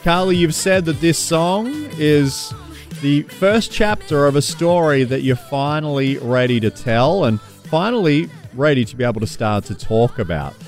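A man hosting a radio interview, asking measured, gentle questions. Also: on the high side, expressive, faint music behind. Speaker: radio host.

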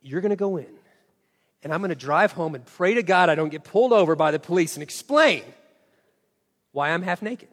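A high-voiced man in his forties tells a story from the stage, acting out every line of dialogue with self-mocking animation. His voice rings out with a long reverb through a large hall. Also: animated, fairly quick, long pauses. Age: 40s. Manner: acts out quoted dialogue expressively, self-mocking.

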